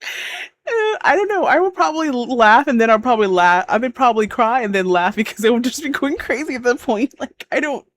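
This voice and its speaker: A woman's voice: a little high, big pitch swings, a little fast. A woman hosting a reaction video, chatting casually, exclaiming and laughing often as she reacts.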